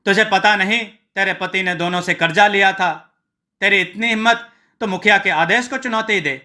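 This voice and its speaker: A domineering village headman barks orders with open contempt, as a man plays him. His voice is high and bright, and it has a hard edge. This is a storybook tale voice. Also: moderate pace. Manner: commanding, contemptuous.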